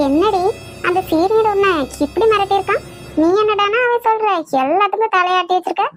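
A woman's voice: extremely high pitch, fairly quick, soft background music, pitched above the performer's own voice, rough recording. A woman voicing a bossy young college girl who scolds her timid friend, with a Kanyakumari Tamil accent. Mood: scolding. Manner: scolding, incredulous.

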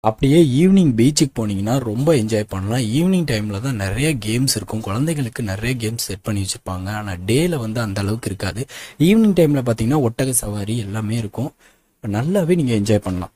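A man from Tamil Nadu talks through a travel guide at a quick clip. His voice is dark and mellow, and his practical, matter-of-fact manner speaks straight to the viewer. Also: lowish voice, expressive. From Tamil Nadu, India. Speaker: travel vlogger.

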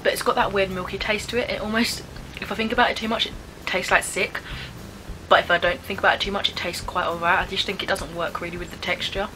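A woman's voice: mid-range voice, steady tone, quick pace, background noise. A British woman in her twenties giving casual, chatty taste-test commentary, thinking aloud with some hesitation. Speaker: vlogger reviewing snacks. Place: small bedroom, indoors.

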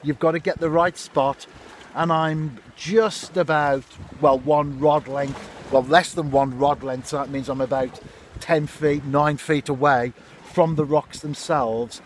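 A fishing vlogger in his fifties stands on rocks by the sea, speaking unhurriedly into a phone camera held at arm's length about his day. His voice is on the high side and steady, delivered at a measured pace over slight background noise.

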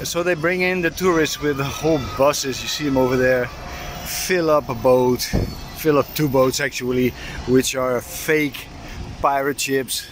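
Out at a harbor boatyard and on a boat deck, a middle-aged man vlogs casually and walks through a DIY project, his tone steady and his pace a little slow. The handheld camera at arm's length picks up noisy outdoor ambience and a low rumble.

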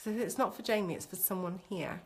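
A woman working as a psychic medium, giving a chatty, excitable spirit reading on a live stream and calling her viewers sweetie. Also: mid-range voice, quick pace.

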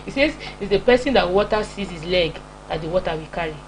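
Speaking fast and expressively in a fairly low voice, this young Nigerian preacher and broadcast host gives a casual motivational sermon, repeating herself emphatically and scolding in her Nigerian accent. The low-quality recording, made in a small indoor home-style studio, has noticeable hum and noise.

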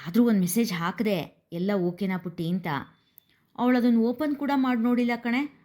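A woman's voice: fairly high pitch, steady tone, normal speed, mellow, voice pushed up, close to an everyday voice. A woman voicing an anxious middle-aged mother who frets and complains like a young girl. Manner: worried, complaining.

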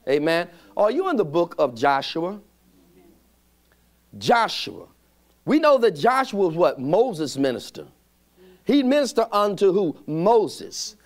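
A middle-aged man preaching in a church sanctuary, his voice sitting a little high and swinging widely between rising calls and low asides. He stretches out key phrases and throws questions to the congregation for them to answer back. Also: big pitch swings. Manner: call-and-response preaching, drawn-out emphatic phrases. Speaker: pastor. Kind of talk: sermon.

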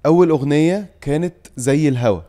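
On a podcast, a young man with an Egyptian Arabic accent, a singer and actor by trade, tells an emotional, vivid story and keeps repeating things for emphasis. He talks fast, his voice pitched on the high side yet dark in tone.

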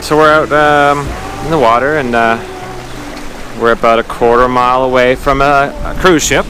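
A man in his thirties chatting casually while filming on a sailboat, relaxed, with lots of fillers. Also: mid-range voice, normal speed, over music. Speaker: sailing vlogger. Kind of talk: casual chat. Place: outdoors on a sailboat. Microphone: action camera on the boat. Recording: loud wind and water noise. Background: wind and water.

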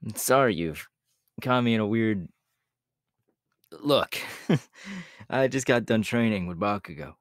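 Sero, a man playing an easygoing, slow-talking young student. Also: fairly low pitch, lively intonation, no room sound, studio quality. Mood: friendly. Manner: hesitant, chuckling, informal, speaking straight to the listener. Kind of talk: ASMR audio roleplay, one-sided casual chat.

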